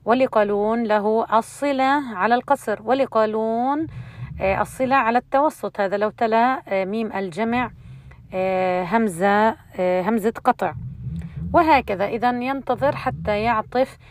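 A woman teaching the rules of Quran recitation in an explanatory lesson, pausing often with fillers. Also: on the high side.

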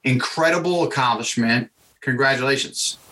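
A man's voice: mid-range voice, sharp tone. A man hosting a casual podcast interview as a college basketball coach, upbeat and encouraging with a guest. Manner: upbeat, encouraging, quick to laugh. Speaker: host, head basketball coach.

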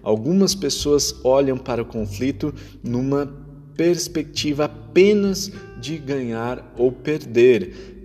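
A man giving couples relationship advice in a measured, counselling tone, sometimes restarting a phrase. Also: medium pitch, darkish tone. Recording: long reverb with faint guitar music behind.

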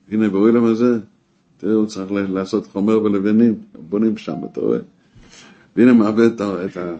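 A man teaching a weekly Torah class, emphatic, rising to exclamations and dropping low again. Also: mellow. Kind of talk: spoken Torah lesson.

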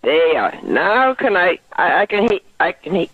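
A man's voice: high voice, sing-song, slightly rough, no echo, heavily acted. A man putting on a confused, forgetful old woman in a prank call, asking the same muddled questions over and over. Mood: befuddled. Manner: repeats questions, muddled and slow to follow. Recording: tinny phone line.

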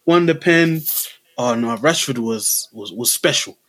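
A man's voice: mid-range voice, lively intonation, a little slow, fairly bright tone. A young man with a London roadman accent chatting casually about sport, slangy and emphatic, often repeating phrases for effect. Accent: London, urban roadman slang. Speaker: football podcast co-host.

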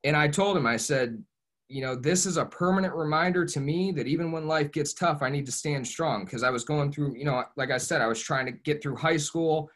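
A man's voice: on the high side, fairly quick, a bit bright. A young man from Ohio, a podcast guest telling his story in an earnest, reflective way, often restarting and saying "you know". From Ohio, USA. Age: young adult. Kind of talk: casual podcast interview.

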